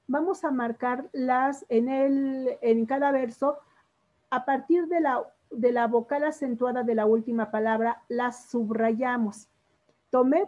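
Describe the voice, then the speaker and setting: A woman's voice: a little high, mellow. A woman teaching a literature lesson on poetry, patiently quizzing her students and drawing out syllables. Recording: dull lo-fi classroom recording.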